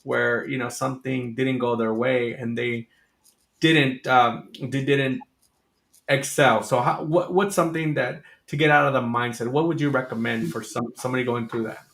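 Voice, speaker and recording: A man's voice: mid-range voice, steady tone, normal speed, gravelly, a bit bright. Candid male host in an echoey room. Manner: candid storytelling with many fillers. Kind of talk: conversational interview.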